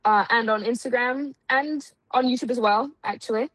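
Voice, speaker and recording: Relaxed woman podcast guest, dry sound. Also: fairly high pitch, normal speed, no room sound, low-quality recording. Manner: relaxed, hesitant, many ums and uhs. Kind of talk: casual podcast chat.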